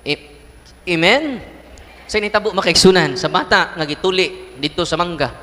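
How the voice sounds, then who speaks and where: Animated Cebuano priest preaching in a hall. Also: male voice, high-pitched, moderate pace. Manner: animated storyteller, acts out voices and laughs. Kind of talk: lively preaching with humor.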